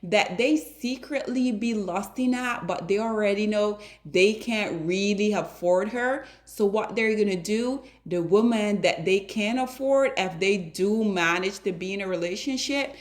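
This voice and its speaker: A woman's voice: medium pitch, measured pace, hardly any pauses. A woman hosting a commentary video, lecturing her viewers directly in a preachy, emphatic way. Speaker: commentary host. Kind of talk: reaction commentary to a street interview.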